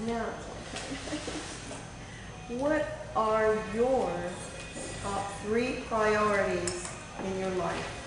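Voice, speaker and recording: Panel member, woman, slow and apologetic, distant in a reverberant hall. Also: medium pitch, heavy background noise. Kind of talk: reading interview questions. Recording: echoey hall recorded from afar.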